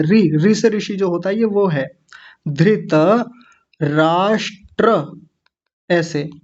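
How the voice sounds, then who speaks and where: A man who teaches Sanskrit recitation leads an online class, patiently and slowly sounding out words syllable by syllable for his students. His voice is high-pitched and a little mellow, and the sound is lo-fi.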